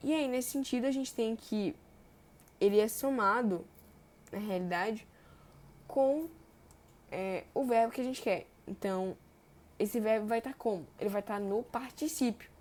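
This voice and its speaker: A young woman, teaching verb tenses in a chatty way and stretching example words slowly. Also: on the high side, a little mellow. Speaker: Portuguese grammar teacher. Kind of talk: explaining verb tenses on a board.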